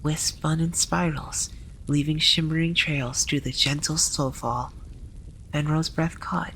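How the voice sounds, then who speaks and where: A storyteller narrating a scripted tale in a gentle, hushed ASMR library whisper, often slipping into breathy whispering. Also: mid-range voice, fairly even intonation, a little slow, a little hiss or hum, poor audio.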